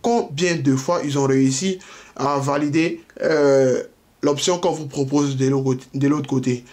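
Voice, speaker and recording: A man's voice: medium pitch, steady tone, a little slow, a little mellow. A man talking viewers through a betting analysis on screen, step by step, repeating key phrases and checking in with "ok" and "voilà". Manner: addresses viewers directly, informal. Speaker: sports betting tipster. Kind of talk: screen-share tutorial.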